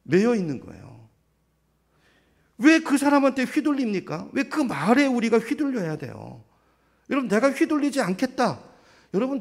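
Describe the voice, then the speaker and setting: A man's voice: sits high, gravelly. A middle-aged man preaching a sermon, asking the congregation rhetorical questions and acting out what other people say. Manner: acts out quoted voices of others. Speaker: pastor.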